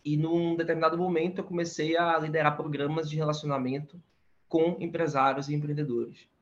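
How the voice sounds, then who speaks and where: Male guest, 30s, from Salvador, Brazil; slightly high, hesitant and chatty, dull lo-fi sound. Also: little pitch movement, brisk. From Salvador, Bahia, Brazil. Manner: hesitant, many fillers and restarts. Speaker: guest, startup competition lead. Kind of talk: casual interview conversation.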